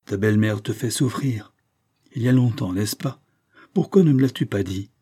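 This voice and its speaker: A man doing a grave, gentle old grandfather. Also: fairly low pitch, moderate pace, slightly rough. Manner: grave, tender.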